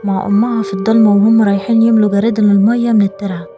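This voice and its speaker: A woman with an Egyptian Arabic accent narrating a scripted horror story in a brisk, dramatic way. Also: mid-range voice, level tone. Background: background music.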